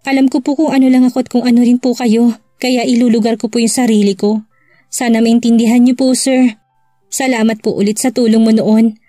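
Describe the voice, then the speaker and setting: A woman narrating a first-person romance audiobook in a soft, earnest storytelling manner. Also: fairly high pitch, dry recording.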